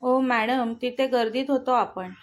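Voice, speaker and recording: A woman's voice: on the high side, steady tone, a little slow, close to an everyday voice. Woman reading a teasing stubborn young husband. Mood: insistent. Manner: teasing, insistent.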